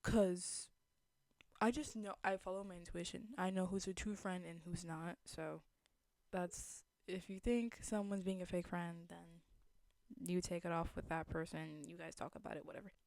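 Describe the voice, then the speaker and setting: A young woman with a relaxed, mellow tone and a slight lisp talks casually to her viewers. She is earnest and reflective, like someone thinking aloud, and the recording is dry with little room sound. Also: lowish voice, moderate pace, dry recording. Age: young adult. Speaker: vlogger.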